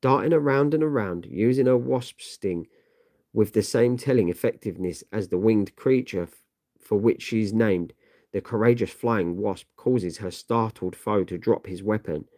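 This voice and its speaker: Dude reading a comic out loud, dark mellow voice, dry close sound. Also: male voice, lowish voice, normal speed, no echo. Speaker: comic book reader.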